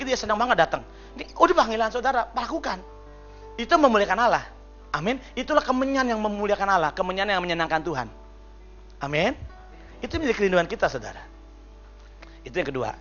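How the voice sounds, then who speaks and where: A man preaching a sermon as pastor, lively and chatty, joking and calling out to the congregation. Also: high voice, highs cut off.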